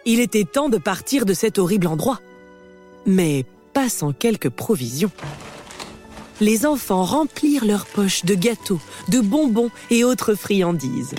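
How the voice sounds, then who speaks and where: A woman narrating a fairy tale for a storybook recording with expressive, lively delivery. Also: mid-range voice, a little slow, soft background music.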